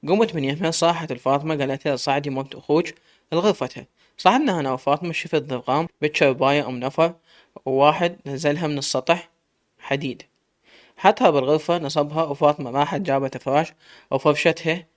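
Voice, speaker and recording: Brief: male storyteller, Iraqi accent, first-person reading, a bit high-pitched. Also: fast talker. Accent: Iraqi Arabic.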